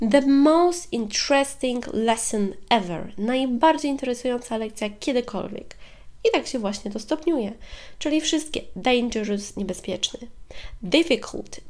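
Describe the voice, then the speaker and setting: A woman hosting a podcast lesson, speaking directly to the listener and saying English examples slowly and with emphasis. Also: fairly high pitch, darkish tone. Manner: switches between Polish and slow, emphatic English examples; friendly, direct address to the listener. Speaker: podcast host and English teacher.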